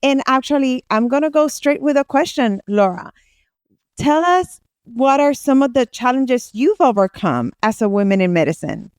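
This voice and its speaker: A woman's voice: high voice, big pitch swings, moderate pace, clean tone, no room sound, studio quality. A woman co-hosting a podcast, introducing her guest in an eager, gushing way. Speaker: podcast co-host. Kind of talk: podcast interview.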